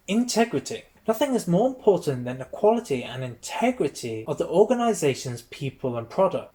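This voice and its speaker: A channel host narrates a prepared script in the manner of a list. Each point opens with a single announced heading word and is followed by a short explanation. The pitch moves around a lot, which keeps the reading animated. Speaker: host of a channel reviewing business books.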